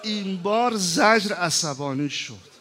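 A man preaching a mourning sermon, moving from hushed storytelling to loud wailing shouts and chanted lines. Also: high voice, lively intonation.

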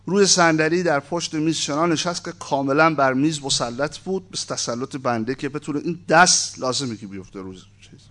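A man's voice: on the high side, few pauses, fairly bright tone. A man giving an informal lecture, reading a text aloud and breaking off into conversational, wry asides. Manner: conversational, asides and wry humor between read passages.

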